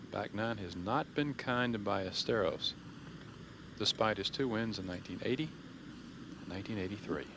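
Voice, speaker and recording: Low-voiced male golf commentator, noisy background. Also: animated, moderate pace, pauses often. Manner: sparse, understated phrasing. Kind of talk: measured live golf commentary.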